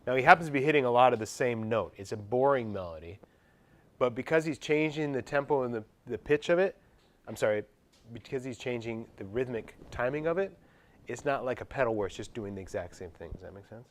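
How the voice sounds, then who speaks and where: A man's voice: medium pitch, lively intonation, fairly quick, fairly bright tone. A man teaching a music class, asking the students questions and singing short parts to illustrate them. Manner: quizzes students, scats examples. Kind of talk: classroom lecture.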